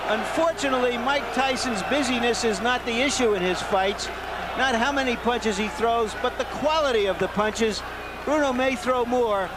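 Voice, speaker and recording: A man giving wry, analytical colour commentary on boxing from ringside. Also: very high voice. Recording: noisy broadcast over loud arena crowd.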